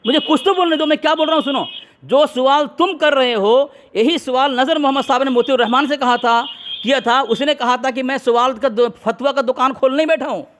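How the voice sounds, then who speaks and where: A man's voice: very high voice, fairly quick, fairly bright tone. A man in a heated religious debate, insistent, repeating his phrases again and again.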